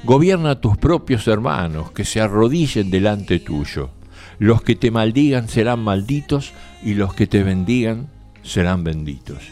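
A man voicing an old, nearly blind father who speaks slow, solemn blessings to his son. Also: lowish voice, animated, mellow, faint music behind.

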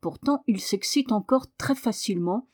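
A woman voicing a kindly, puzzled male doctor in an audiobook, gentle and reassuring. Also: mid-range voice, animated, normal speed, lightly acted. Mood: confidential. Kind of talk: audiobook reading.

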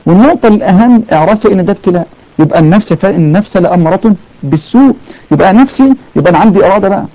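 A man's voice: high-pitched, animated, rapid-fire, mellow. A man with an Egyptian accent preaching in colloquial Arabic, telling stories with emphatic repetitions and taking callers. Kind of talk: fervent colloquial sermon. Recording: dull lo-fi audio.

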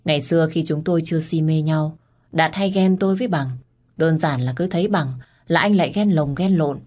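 A woman narrating a first-person audio story in a calm, intimate manner. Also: sits low, a little fast.

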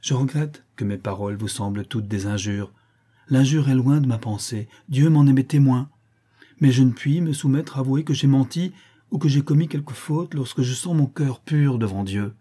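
A man's voice: mid-range voice, moderate pace, warm tone, breathy edge, lightly acted. A man reading aloud voicing a proud young woman who answers firmly and respectfully. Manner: firm, respectful, defiant.

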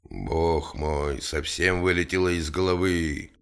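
A man's voice: low-pitched, creaky, smooth, pitched below the performer's own voice, heavily acted. A man doing a curt, domineering boss. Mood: firm. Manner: curt, firm, slow commands. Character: firm, domineering male businessman boss.

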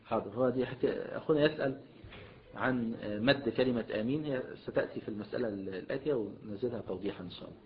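A man's voice: medium pitch, quick pace. A man with an Egyptian accent teaching a religious lesson as a sheikh, mixing classical and colloquial Arabic and often prompting listeners with a questioning "what?". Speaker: sheikh teaching Islamic jurisprudence. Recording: dull lo-fi lecture recording.

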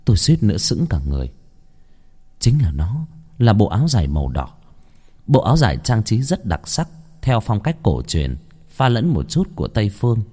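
A man's voice: lowish voice, wildly swooping pitch, normal speed, dark tone, slightly rough. A man narrating a ghost story in a dramatic, suspenseful manner.

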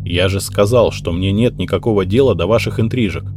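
A man's voice: sits low, fairly quick, noisy background. A man voicing a cold, threatening young male mage who speaks in a clipped, commanding way.

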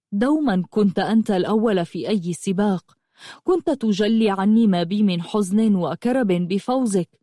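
A woman voicing an earnest adult horseman who speaks tenderly and in hushed tones to his beloved horse. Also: sits high, dry recording, clean studio sound.

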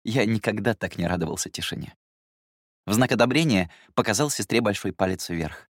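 A man reading a first-person story aloud in a calm, measured way. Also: fairly low pitch, no echo, studio quality. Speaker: audiobook reader. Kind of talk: first-person audiobook narration.

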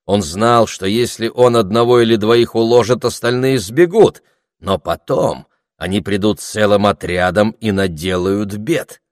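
A man narrating an audiobook in a calm, even storytelling manner. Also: lowish voice, a little slow, no room sound, clean studio sound. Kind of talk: scripted narration.

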